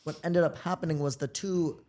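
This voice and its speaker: A woman hosting a podcast, chatting casually as an animated, playful storyteller. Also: deep voice, fairly quick. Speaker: podcast host. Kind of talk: casual chat.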